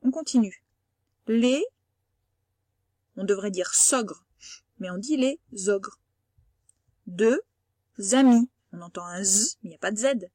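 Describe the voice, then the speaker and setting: Une femme institutrice à l'français qui fait une leçon à distance pour de jeunes élèves, patiente, répétant et détachant les mots. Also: female voice, mid-range voice, lively intonation, warm tone, no echo, clean studio sound. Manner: patient, explains slowly and repeats words. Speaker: primary school teacher. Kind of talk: remote lesson for young pupils.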